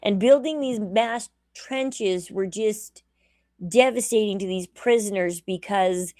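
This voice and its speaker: A woman's voice: medium pitch, takes it slowly, darkish tone, no echo, studio quality. A tired woman hosting a casual livestream, talking in a rambling, chatty way and correcting herself as she goes. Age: adult. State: tired, yawning. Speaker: livestream host.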